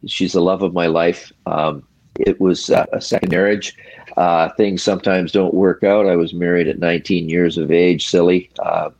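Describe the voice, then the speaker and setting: An older man with a low, gravelly voice tells stories as a guest in a relaxed interview. He talks in a measured, reflective way, in short phrases with pauses, and the sound is close and dry. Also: no room sound. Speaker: retired hockey referee, guest. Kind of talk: storytelling in a casual interview.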